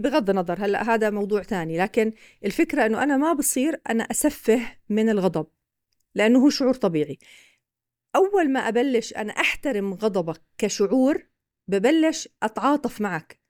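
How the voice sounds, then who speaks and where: A woman's voice: fairly high pitch, a little mellow, dry recording, studio quality. A woman with a Levantine Arabic accent, patiently explaining ideas with examples as a guest expert on a podcast.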